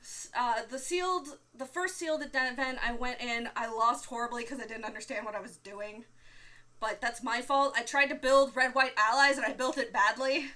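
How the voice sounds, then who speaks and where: A woman co-hosting a casual podcast, telling stories in an animated way, swearing and laughing often. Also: on the high side, normal speed. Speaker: podcast co-host. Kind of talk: casual chat.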